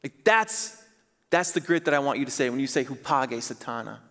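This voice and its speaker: A man in his thirties, a pastor preaching on a church stage, earnest and emphatic, slowing to stress key phrases. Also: medium pitch, a bit bright. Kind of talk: sermon. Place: large church stage, indoors. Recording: reverberant church hall.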